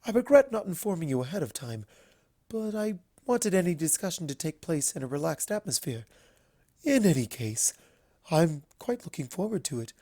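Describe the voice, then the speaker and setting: A narrator voicing a regal, reserved winged unicorn princess in a storybook reading, with formal, measured courtesy. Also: medium pitch, big pitch swings, mellow, pitched above the performer's own voice. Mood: formal, composed. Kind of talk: storybook character voice.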